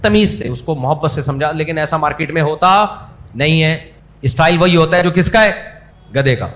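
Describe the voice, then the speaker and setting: Humorous male preacher, slightly high voice. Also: fairly bright tone. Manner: humorous, mixes in everyday English words; acts out scolding voices to make a point. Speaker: Islamic preacher. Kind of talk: conversational sermon.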